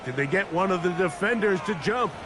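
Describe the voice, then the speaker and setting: A man's voice: high voice, expressive, fairly quick, heavy background noise. A man giving live play-by-play commentary on a football game.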